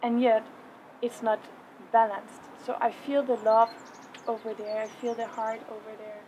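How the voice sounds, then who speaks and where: A soft-spoken woman in her thirties vlogs from a rock cave on a mountainside, her voice slightly high and her speech dreamy and halting. The camera mic sits a few metres off, and steady outdoor noise runs underneath her. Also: poor audio. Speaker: vlogger. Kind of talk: casual spiritual vlog.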